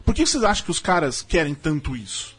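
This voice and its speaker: A man's voice: a little high, big pitch swings, quick pace, music in the background. A man hosting a casual group conversation, rambling with restarts and laughing easily. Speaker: podcast host.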